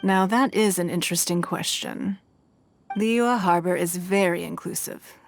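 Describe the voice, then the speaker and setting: An actress playing a poised, shrewd and wealthy stateswoman in a video game, speaking in a formal, measured, composed manner. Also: on the low side, vocal fry. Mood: thoughtful. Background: music.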